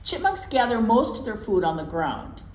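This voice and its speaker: An animated woman hosts a children's storytime, reading aloud and adding chatty explanations for young listeners. Her folksy, informal asides repeat words for emphasis, and her voice is on the high side at a moderate pace. The echoey room carries background noise.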